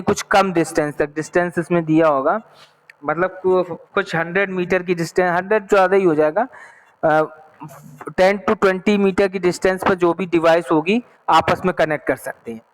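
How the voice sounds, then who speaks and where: High-voiced male teacher explaining slowly. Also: fairly even intonation, low-quality recording. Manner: explains slowly, reads English text then repeats in Hindi; checks understanding often. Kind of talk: online class lesson.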